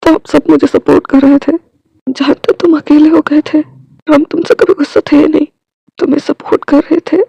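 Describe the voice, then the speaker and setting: A kind male relative, voiced by a woman reading aloud, calmly explaining and reassuring in a mellow, gravelly voice. The reading sounds dry and close. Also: sits high, moderate pace, no echo, low-quality recording.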